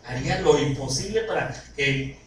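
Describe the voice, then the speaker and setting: A man preaching a sermon, animated and often asking his congregation questions. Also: medium pitch, normal speed. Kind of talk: sermon with anecdotes and jokes. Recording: echoey hall recorded from far off, noisy.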